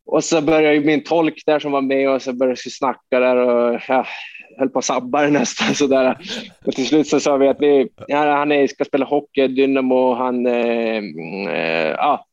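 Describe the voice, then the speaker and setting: A man's voice: medium pitch, darkish tone, no room sound, muffled recording. Rambling, swearing Swedish man telling stories. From Sweden. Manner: rambling, swears freely, many fillers. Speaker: hockey player guest. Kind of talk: casual anecdote telling.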